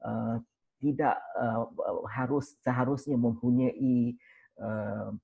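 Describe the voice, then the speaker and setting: Guy on a panel, keeps stopping to find words, husky voice, bit dull sounding recording. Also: mid-range voice, steady tone. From Malaysia. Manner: hesitant, pauses often to search for words. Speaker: panel guest. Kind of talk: panel discussion.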